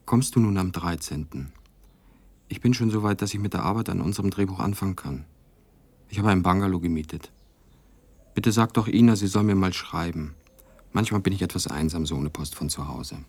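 A lonely writer in a radio play, reading his letter home in a quiet, restrained way. His voice is very deep and husky. The sound is dry and close. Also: brisk, dry recording. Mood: wistful. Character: lonely middle-aged American writer man.

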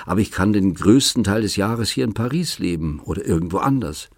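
A man's voice: fairly low pitch, lively intonation, brisk, no room sound, clean studio sound. A man reading the part of a lonely, talkative man of seventy-seven who pleads earnestly and at length. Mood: pleading. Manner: earnest, long-winded pleading. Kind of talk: audiobook reading.

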